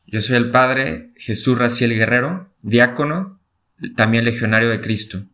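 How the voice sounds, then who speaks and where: A man's voice: medium pitch, measured pace, a bit bright. A man in his thirties from Mexico with a Mexican Spanish accent, a deacon co-hosting a podcast who speaks earnestly with small restarts. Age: 30s. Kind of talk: casual pastoral podcast talk.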